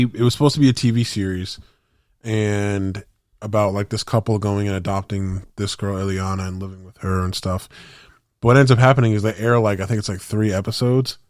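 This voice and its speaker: Young male podcast co-host, lowish pitch, loose slangy storyteller, dry close sound. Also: a little mellow, no room sound. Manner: rambling slangy storytelling with many restarts. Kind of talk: casual chat.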